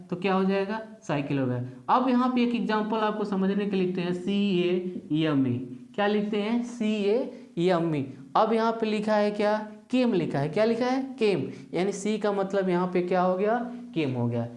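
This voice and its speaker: A woman's voice: mid-range voice, darkish tone, reverberant. A woman teaching English pronunciation, asking and answering her own questions in a repetitive drilling manner. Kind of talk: classroom lesson.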